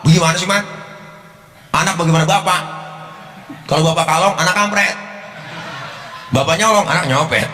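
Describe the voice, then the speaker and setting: A man's voice: a little high, moderate pace, pauses often, sharp tone. A male preacher voicing a furious male archangel who talks in brash, slangy outbursts. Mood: exasperated. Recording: echoey hall, faint music.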